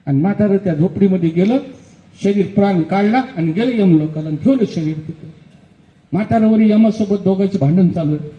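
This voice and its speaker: A man's voice: high-pitched, fairly quick, reverberant, lo-fi sound. A man preaching a devotional kirtan sermon, telling the story dramatically and putting questions to the crowd, then answering them himself.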